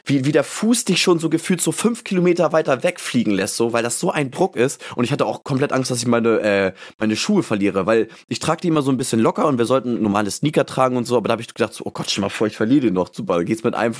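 Male podcast co-host, mid-range voice, chatty and animated, acts out his own reactions while telling a story. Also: mid-range voice, fast, hardly any pauses. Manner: animated storyteller, fills speech with "so" and "und so"; acts out his own thoughts as quoted lines. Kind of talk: casual chat, storytelling.

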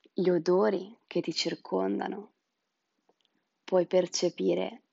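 A woman guiding a meditation in a soft, soothing, breathy voice that often drops into a whisper. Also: fairly low pitch, dry recording, highs cut off. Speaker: meditation guide. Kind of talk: guided chakra meditation.

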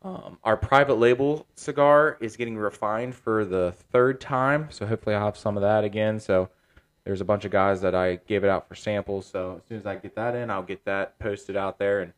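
A man hosting a casual podcast from his cigar lounge, talking in a relaxed, rambling way with plenty of fillers. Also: lowish voice, normal speed.

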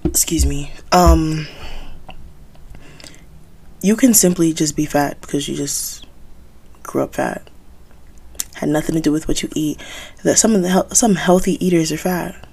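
Twenty-something woman hosting her own podcast, deep voice with lots of fry, just talking it through candidly. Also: fairly even intonation, unhurried, pauses often, darkish tone. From United States, Haitian American. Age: 20s. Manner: candid, conversational, thinking aloud. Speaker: podcast host. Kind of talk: solo podcast monologue.

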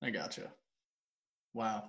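A man fumbling his way through game clues on a radio show, laughing often and getting excited. His bright voice bounces around an echoey room. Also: lowish voice, slow pace, creaky. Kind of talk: casual joking banter.

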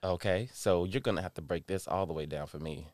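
A man's voice: low voice, fairly quick, a little mellow. A man in his thirties co-hosting a casual podcast chat, laid-back with wry asides. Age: 30s. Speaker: podcast co-host.

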